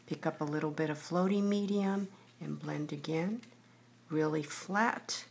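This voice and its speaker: A woman with a slightly low, husky voice teaches painting in the manner of a TV painting instructor. She talks through each step patiently and unhurriedly as she works. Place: indoors at a table.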